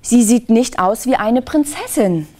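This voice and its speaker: A doubtful, fussy queen, put on by a woman reading a storybook, dragging each word slowly as she hesitates. Her voice is low for the reader and ranges widely. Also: animated, dark tone. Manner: hesitant and drawn out.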